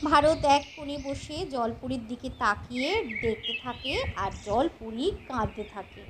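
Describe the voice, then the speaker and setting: A woman narrating a children's cartoon story in an expressive, lilting storybook way. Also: a little high, unhurried, noisy background.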